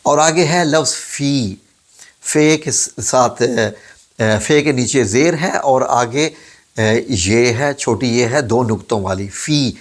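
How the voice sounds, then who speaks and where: A man teaching Quranic Arabic vocabulary in a relaxed, informal lesson. He spells words out letter by letter, pauses often, and slips English words into his explanations. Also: medium pitch. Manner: modest and relaxed, many pauses and fillers.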